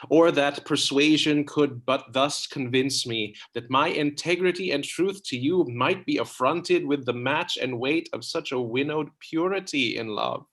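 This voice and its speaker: A man's voice: mid-range voice, a bit bright. A man playing an ardent young prince. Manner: earnest, tender. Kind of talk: stage verse acting.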